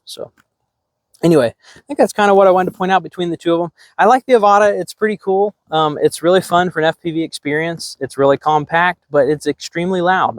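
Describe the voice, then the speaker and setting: Speaking at medium pitch in a dry recording, a middle-aged drone hobbyist hosts his channel with casual product talk aimed at the camera. He's relaxed and rambling, often saying um and starting over.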